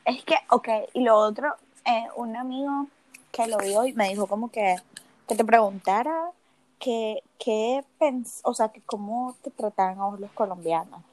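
A woman co-hosts a casual podcast in a fairly high voice. She talks in an excitable rush, teasing her partner and cutting in bossily to take the floor. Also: measured pace, low-quality recording. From Nicaragua. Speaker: podcast co-host. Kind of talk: casual chat.

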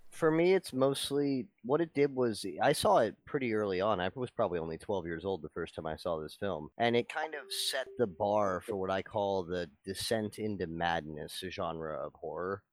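Very deep-voiced articulate man. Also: expressive, normal speed, few pauses, no echo. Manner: articulate, analytical, fluent. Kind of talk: casual chat.

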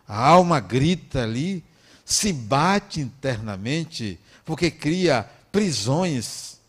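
A man's voice: medium pitch, big pitch swings, drawn-out words, breathy edge. A man with a Brazilian Portuguese accent giving a motivational talk with personal stories, emphatic and prone to repeating phrases and joking asides.

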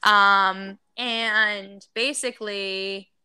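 Chatty gossip co-host, woman, bright and smooth, dry close sound. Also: mid-range voice, steady tone, extremely slow, no room sound. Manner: chatty, recounting with many fillers. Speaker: podcast co-host. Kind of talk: casual gossip chat.

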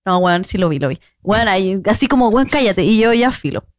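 A woman's voice: mid-range voice, lively intonation, a little fast, no echo. Young woman, Chilean accent, slangy crude storyteller, dry sound. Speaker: podcast co-host. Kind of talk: casual chat.

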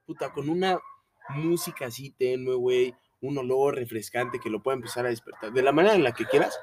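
A man's voice: mid-range voice, a little fast, far from the mic, noisy background. A young man with a Mexican Spanish accent, co-hosting a casual podcast chat, full of slang, acting out what his parents say. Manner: slangy, animated, acts out his parents' voices. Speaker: podcast co-host.

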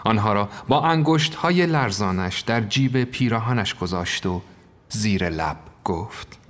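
A man's voice: lowish voice, lively intonation. Reflective male story narrator. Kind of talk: first-person story narration. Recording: long reverb.

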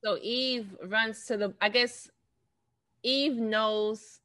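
A woman's voice: fairly high pitch, steady tone, extremely slow, pushed and bright. A woman co-hosting a casual film discussion, retelling scenes and acting out the characters' lines. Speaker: podcast co-host.

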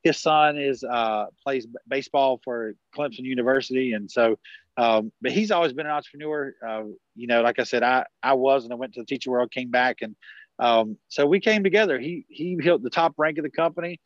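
A network marketer in his forties, from South Carolina and carrying a rural South Carolina accent, speaks as a podcast guest over a video call in a casual conversational interview. He talks fairly quickly in a mid-range voice, rambling with many restarts and fillers. The sound is dry and lo-fi.

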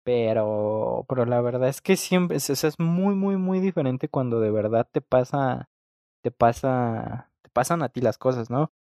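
A man's voice: mid-range voice, measured pace, vocal fry, dark tone, no room sound, studio quality. A man with a Mexican Spanish accent, co-hosting a podcast, reflecting thoughtfully in casual chat with many fillers. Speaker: podcast co-host.

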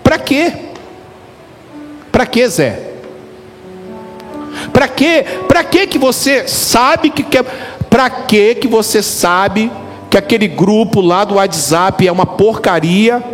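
A middle-aged man, a pastor, preaching a lively, joking sermon straight to his congregation. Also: high-pitched, takes it slowly, pauses often. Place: church hall. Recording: reverberant hall with faint music.

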